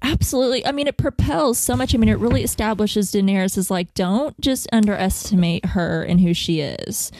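A woman in casual chat who gushes excitedly and leans on lots of fillers. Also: medium pitch, brisk, few pauses, no room sound.

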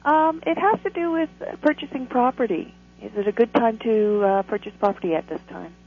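A woman's voice: fairly high pitch, brisk. A woman calling a radio phone-in and asking her question in a hesitant way. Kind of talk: on-air call-in question. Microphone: telephone. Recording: muffled, noisy phone line.

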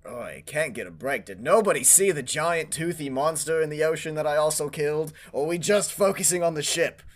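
A man's voice: fairly high pitch, lively intonation, brisk, natural voice. A man playing a wounded, sarcastic, long-suffering young adventurer in a tabletop game, complaining as he goes. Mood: exasperated, hurting. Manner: sardonic, complaining. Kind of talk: tabletop role-play.

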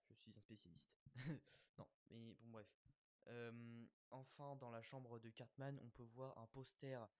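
A man's voice: medium pitch, no echo. A young man hosting a casual commentary show, talking hesitantly with lots of fillers and self-mocking asides. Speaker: host of an episode-breakdown show.

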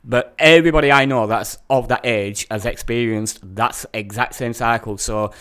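A man's voice: mid-range voice, steady tone, normal speed, fairly bright tone, smooth. Swearing man in his thirties. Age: 30s. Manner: rambling, heavy swearing. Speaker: podcast co-host. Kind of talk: casual podcast chat.

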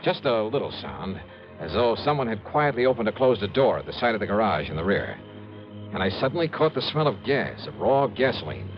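Low-voiced hard-boiled private eye. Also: male voice, big pitch swings, brisk. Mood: suspenseful. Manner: tense, clipped storytelling with wry asides. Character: hard-boiled, wry male private investigator. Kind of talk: 1950s radio detective drama narration. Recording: dull vintage radio broadcast with music.

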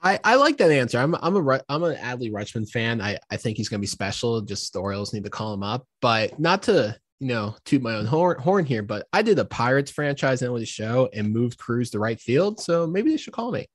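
Male interview host, easygoing and joking, middle pitch, dry mic. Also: very animated, fairly quick, few pauses, no room sound. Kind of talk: casual podcast interview.

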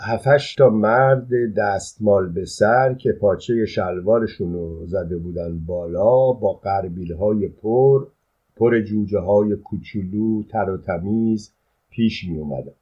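A man reading a short story aloud in the first person, calm and even, in colloquial speech. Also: on the low side, breathy edge. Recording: dull lo-fi recording.

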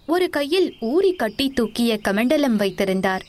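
A woman reading a classic novel aloud as narrator, in a descriptive, steady storytelling manner. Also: fairly high pitch, normal speed.

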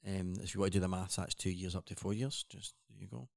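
A man's voice: sits low, steady tone, fast talker, creaky, darkish tone. A man co-hosting a casual news chat, earnest and rambling with frequent restarts. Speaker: co-host.

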